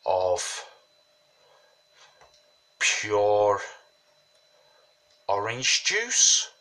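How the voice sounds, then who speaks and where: Extremely slow and sing-song, this man's lowish voice comes across bright and forceful. He's explaining a home brewing recipe at his kitchen table in a loose tutorial, sniffling a bit from a cold, rambling and chatting, with frequent "you know what I mean."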